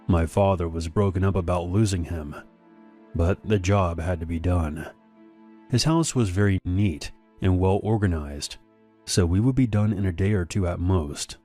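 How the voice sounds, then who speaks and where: A man reading first-person horror stories as scripted narration, in a measured, even manner. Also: deep voice.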